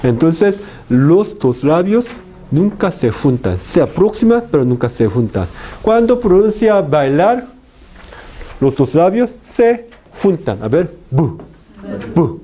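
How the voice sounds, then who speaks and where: A man giving a phonetics lecture, slowly repeating example words over and over. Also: a little high, sing-song, dark tone. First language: Korean. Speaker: university lecturer.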